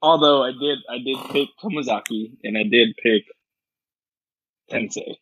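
A man's voice: mid-range voice, normal speed, fairly bright tone, husky. A man co-hosting a casual podcast over an online call, easygoing and hesitant. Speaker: podcast co-host. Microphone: voice chat over an online call. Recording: dull lo-fi mic.

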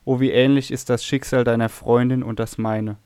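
A man's voice: mid-range voice, little pitch movement, normal speed, a little mellow, clean tone, no echo, lightly acted. A man reading a sorrowful young temple servant. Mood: earnest. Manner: earnest, sorrowful.

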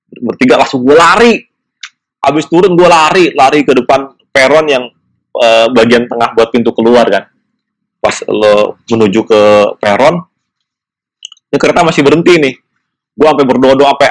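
A man's voice: medium pitch, rough recording. A man, casually telling a true story from his own life, repeating words and acting out sounds. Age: 40s. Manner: animated, repeats words and makes sound effects.

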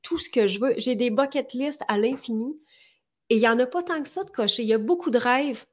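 A woman's voice: a little high, brisk. A woman in her forties with a Quebec French accent, earnestly talking as a guest in an interview and firing off rhetorical questions. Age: 40s. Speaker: podcast guest. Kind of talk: conversational interview.

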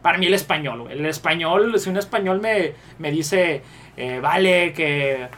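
A man's voice: fairly high pitch, expressive, normal speed, a bit bright, a little hiss or hum. A man with a Mexican accent co-hosting a casual podcast panel, rambling and peppering his talk with crude slang. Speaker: podcast co-host.

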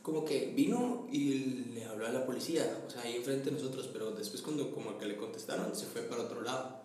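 Young Guatemalan man, animated storyteller, distant mic, roomy echo. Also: medium pitch, fast. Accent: Guatemalan Spanish. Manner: animated storyteller, laughs often, acts out family members. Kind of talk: casual chat. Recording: echoey room, voice a bit off-mic, faint ambience.

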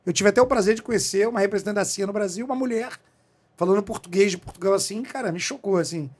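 A man's voice: high voice, quick pace, husky. A middle-aged man from Brazil, a police chief, telling a story as an interview guest in a profane, emphatic way. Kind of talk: animated storytelling in a podcast interview.

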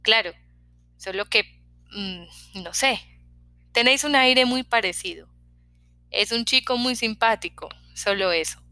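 Chatty young hairdresser, prying and lively, bright tone ; a woman reader doing her. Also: on the high side, unhurried, long pauses, dry recording. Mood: teasing. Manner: talkative, prying, lively questions.

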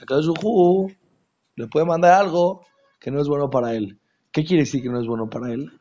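A husky-voiced man delivers a religious lesson to listeners. He drives points home by repeating phrases, then slips into quiet asides. The recording sounds dull and lo-fi. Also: on the high side, a little fast. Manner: emphatic, repeats key phrases, drops into hushed asides. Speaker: Torah teacher. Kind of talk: religious talk to an audience.

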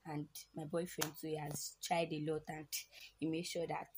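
A woman's voice: low voice, flat delivery, normal speed, a little mellow, a little hiss or hum. A young woman, a student mother, telling her story earnestly, with hesitant restarts. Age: young adult. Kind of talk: personal story in an interview.

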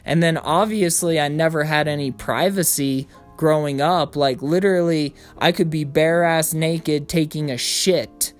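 A man's voice: fairly high pitch, steady tone, unhurried, hardly any pauses, faint music behind. A young man telling his own story in a casual, blunt monologue. He swears freely and rants about family frustrations. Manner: profane, blunt and ranting, mimics his parents in raised voices.

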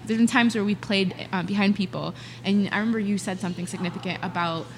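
A woman's voice: medium pitch, steady tone, fast, a little hiss or hum. A woman hosting a podcast in a casual, upbeat and emphatic conversational way. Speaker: podcast host, singer.

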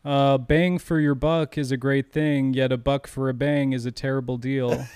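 A man co-hosting a podcast, chatting casually and making wry, deadpan jokes. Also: medium pitch, moderate pace, clear, resonant tone, no room sound, studio quality. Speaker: podcast co-host. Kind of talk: casual comedic chat.

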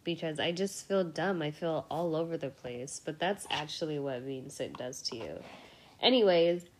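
A woman's voice: low-pitched, lively intonation, normal speed, a little hiss or hum. A young woman hosting a casual solo podcast, sick and rambling, swearing freely and laughing often. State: sick with a cold, congested voice. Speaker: podcast host.

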